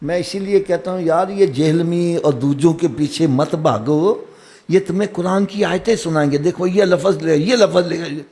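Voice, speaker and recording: High-voiced Pakistani preacher, fiery sermon. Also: male voice. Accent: Pakistani Punjabi. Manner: swings from low explaining to high shouted exhortation. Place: live religious gathering.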